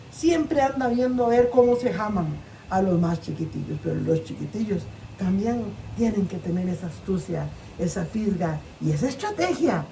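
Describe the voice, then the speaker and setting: High lively costa rican lady telling folk tales, playful, mic kinda far, lil hiss. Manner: animated, playful. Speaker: storyteller. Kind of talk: oral folk-tale telling. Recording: distant mic with faint noise.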